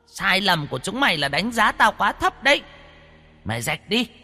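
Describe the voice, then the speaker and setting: A man voicing the malicious ghost of a little girl who haunts a tree, with a shrill, taunting, gleeful manner. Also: very animated, normal speed, sharp tone, big-room sound, full character voice. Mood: gloating.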